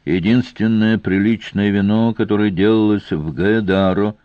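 A man voicing a shrewd male royal guardian who speaks with measured, elaborate politeness, in a dry, slightly dull audiobook recording. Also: fairly low pitch, fairly even intonation, no echo, natural voice. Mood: polite.

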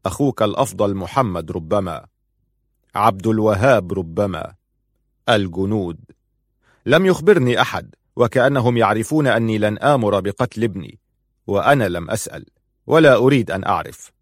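A man's voice: on the low side, animated, brisk, pauses often, no room sound, clean studio sound. A man voicing an aging ruler and grieving father who speaks in a stern, weary, bitter way.

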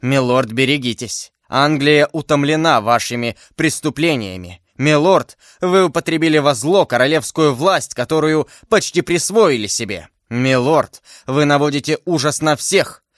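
Brief: man doing a stern zealot officer, steady mid voice, dry read. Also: medium pitch, moderate pace, no echo, natural voice. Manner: insistent, solemn, building heat. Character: grim fanatical young officer, stern and unyielding. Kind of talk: audiobook character voice.

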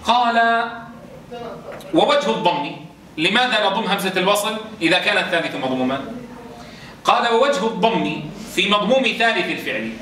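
In an echoey room, heard from a distance over faint noise, a man teaches Quran recitation rules step by step. His high-pitched voice has lively intonation and sounds pushed and bright as he slowly draws out sounds to demonstrate and keeps firing quick questions at his students to check they understand.

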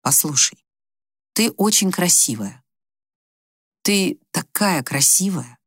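A teasing, level-headed doctor husband, as a woman reader lowers her voice for him. He jokes drily and reassures in a steady, grounded tone. The recording is close and dry. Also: slow, slightly rough, no echo, full character voice. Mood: tender, earnest. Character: wry, teasing male doctor husband, patient and calm. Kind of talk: audiobook character reading.

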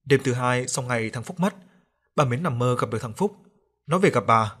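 A man's voice: mid-range voice, expressive, moderate pace, a bit bright, breathy edge. A man narrating a ghost story in a scripted storytelling style, sometimes raising his voice to act out a grieving mother's pleading. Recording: faint music underneath.

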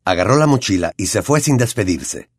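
Expressive Latin American Spanish male narrator. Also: on the low side, fairly quick, dry recording, clean studio sound. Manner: expressive storytelling delivery. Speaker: audiobook narrator. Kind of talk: scripted audiobook narration.

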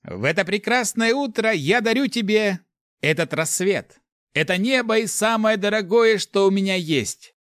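A man's voice: high-pitched, lively intonation, normal speed, a bit bright, no echo, clean studio sound, pitched above the performer's own voice. A man voicing a playful young male thief who teases and makes grand speeches. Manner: teasing, grandly theatrical.

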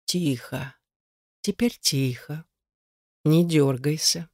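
A reader voicing an unseen spider creature in an audiobook, speaking softly, slowly and insinuatingly. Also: medium pitch, dry recording, studio quality. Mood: soothing, coaxing. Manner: soft and coaxing, quiet and slow. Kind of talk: audiobook reading.

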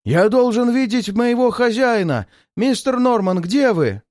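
A man's voice: extremely high pitch, lively intonation, moderate pace, no room sound, clean studio sound, pitched above the performer's own voice. A man doing a drunk, frantic servant bellowing. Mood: frantic shouting. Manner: bellowing, panicked shouting.

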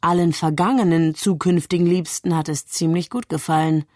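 A woman's voice: on the low side, steady tone, normal speed, mellow, no echo, studio quality, close to an everyday voice. Woman reading as a teasing, cocky young man. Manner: wisecracking, mock-dramatic. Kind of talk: literary reading.

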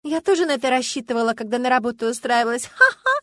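A woman voicing a flirty, tipsy brunette who laughs loudly and mocks, in an audiobook reading. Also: a little high, rapid-fire, dry recording, voice pushed up, lightly acted. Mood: tipsy, teasing. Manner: loud, laughing, mocking.

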